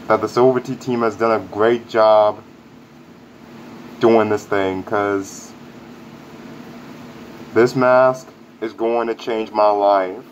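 Man talking through a face mask. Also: fairly low pitch. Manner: rambling, upbeat, repeats himself. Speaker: product reviewer. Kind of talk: casual vlog review. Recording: dull lo-fi audio with faint air conditioning hum.

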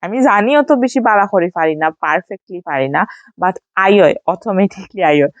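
A woman's voice: medium pitch, lively intonation, a little fast, no room sound, lo-fi sound. A woman from Sylhet, Bangladesh, with a Sylheti Bengali accent, chatting casually in a vlog voice-over and sprinkling in English fillers. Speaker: vlogger.

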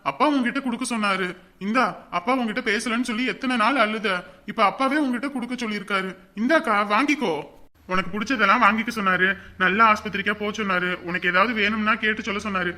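A man's voice: high voice, fast talker, sharp tone. A young man acting an earnest, dutiful son and brother in a family drama. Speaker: actor.

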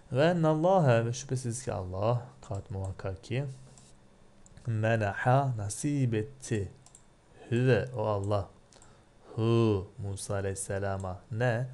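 Lower-voiced man teaching an Arabic text. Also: mellow. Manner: explains word by word, asks and answers own questions; rises sharply when reciting Arabic phrases. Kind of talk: religious text lesson.

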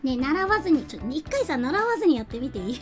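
High-voiced chatty woman streamer. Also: sing-song, fast talker, music in the background. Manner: chatty, giggly, reads out and thanks viewers. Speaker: game streamer. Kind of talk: casual live-stream chat.

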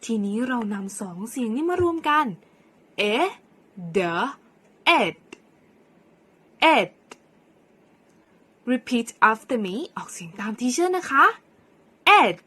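A woman teacher from Thailand leading a phonics lesson for young children, sounding out each letter slowly and clearly and cheering them on. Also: a little high, sing-song, bright, forceful tone. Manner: slow, clearly sounded-out model pronunciations; encouraging teacher talk to young pupils. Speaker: English teacher.

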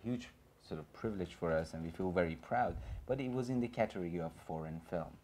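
Speaking quickly in a low, darkish voice over slight background noise, a Persian-accented filmmaker from Iran, in his thirties, addresses a small gallery audience during a panel discussion. His earnest remarks ramble, broken by fillers and restarts.

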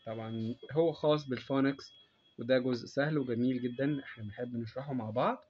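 A man with an Egyptian Arabic accent explaining a recorded English lesson for young children, slow and patient, drawing out each English word. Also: mid-range voice, slightly rough. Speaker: English teacher. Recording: dull lo-fi sound.

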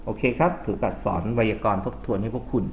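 A male English tutor quizzes his class with frequent questions during a grammar lesson, weaving English terms into his explanations. His lowish voice is animated and quick. The dull lo-fi classroom recording has slight background noise.

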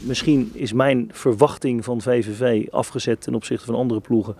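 A man speaking as a football coach in an interview, measured, analytical and frank. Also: medium pitch, steady tone, warm tone, slightly rough, soft background music. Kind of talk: post-match interview.

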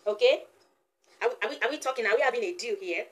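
A woman's voice: on the high side, animated, rapid-fire, fairly bright tone. A woman, chatting playfully in a casual vlog and cooing teasingly at her baby. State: sweating, flustered. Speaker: vlogger, mother of a baby.

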